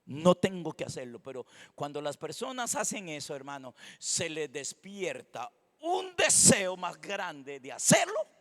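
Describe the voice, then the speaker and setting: A man preaching a passionate sermon, rising to loud cries and dropping to quiet murmurs. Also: sing-song, measured pace. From Costa Rica. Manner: impassioned preaching, swinging between loud cries and low murmurs. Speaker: pastor. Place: church sanctuary. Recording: long reverb of a church hall.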